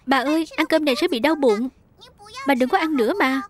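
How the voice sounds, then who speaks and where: A woman reading a gentle little girl, high. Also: fairly quick, slight background noise, close to an everyday voice. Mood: pleading. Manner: gentle, earnest pleading. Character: sweet kind little girl. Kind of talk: Vietnamese voice-over dubbing.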